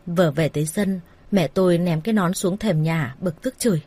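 A woman narrating a first-person romance story in a plain, steady voice. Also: lowish voice, moderate pace, breathy edge, no room sound. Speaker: story reader.

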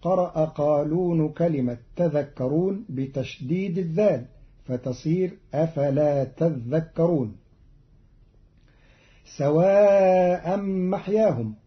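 Man explaining Quran readings, dull old radio. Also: fairly high pitch. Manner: measured, precise, quotes verses in a chanted lilt. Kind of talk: formal scripted explanation of recitation variants.

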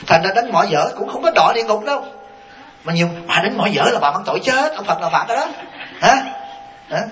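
A Buddhist abbot giving a sermon in a folksy, joking way, often breaking off to ask the listeners "hả?". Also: male voice, sits high, lively intonation, fast, a bit bright. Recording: dull lo-fi recording with faint hiss.

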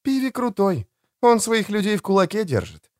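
A man voicing a quiet, wary young female exile, in a storybook reading. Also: sits high, wildly swooping pitch, normal speed, dry recording, clean studio sound, pitched above the performer's own voice. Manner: quiet, whispering.

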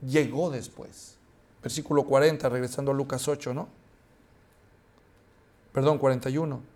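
A male pastor preaching a sermon, animated, acting out dialogue and asking the congregation questions. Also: medium pitch, moderate pace.

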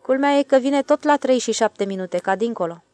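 A woman voicing a calm, self-satisfied older male station master in an audiobook, drawling and knowing. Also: a little high, no echo, voice pushed up, lightly acted. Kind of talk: audiobook character voice.

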